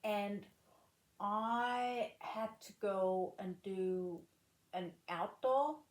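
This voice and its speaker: A woman in her late thirties from Denmark answers questions at a slow, careful pace. Her voice sits at an ordinary middle pitch, and the room around her sounds noticeably echoey. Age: 30s. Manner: slow, measured, pausing between phrases. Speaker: guest, former rifle shooter. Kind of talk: casual interview answers.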